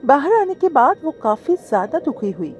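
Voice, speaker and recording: A woman narrating a children's cartoon story in an expressive storytelling manner, also voicing the gentle heroine bird. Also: high voice, normal speed, soft background music.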